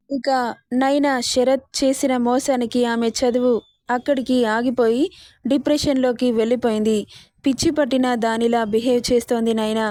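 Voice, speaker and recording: A woman narrating a spoken story with steady, dramatic narration. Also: a little high, dry recording, studio quality.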